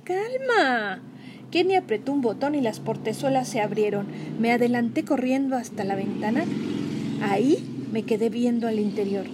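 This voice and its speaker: Expressive woman reading a storybook aloud. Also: fairly high pitch, normal speed, noisy background. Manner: expressive, acts out dialogue. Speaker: reader. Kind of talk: reading a children's novel aloud.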